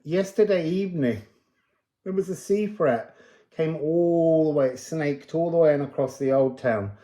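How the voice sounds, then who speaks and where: Speaking at normal speed in a fairly high, mellow voice, a man offers an improvised spiritual card reading to his viewers. He muses and digresses from thought to thought, sometimes slipping into chanted phrases.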